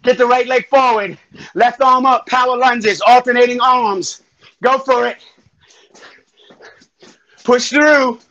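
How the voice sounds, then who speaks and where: A man's voice: extremely high pitch, takes it slowly, pauses often, dull audio. A man leading a live home workout as fitness instructor, counting down reps, calling out moves and urging people on while breathing hard. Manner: energetic, calls out counts and encouragement.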